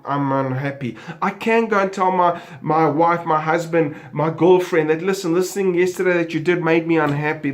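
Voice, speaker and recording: Guy with a high voice pumping people up, emphatic, keeps repeating himself, hotel room. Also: a bit bright. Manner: emphatic, repetitive exhortations with big swings in pitch. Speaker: motivational vlogger. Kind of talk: motivational pep talk.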